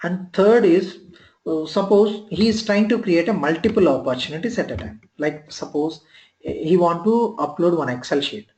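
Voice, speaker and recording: Man, online class screen recording, trainer, slightly high voice, echoey call audio, halting and repetitive. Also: a little mellow, a little hiss or hum. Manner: halting, repeats himself, often checks "you are clear?". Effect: heard through a screen recording of an online class session. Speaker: software trainer. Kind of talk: live online training lecture.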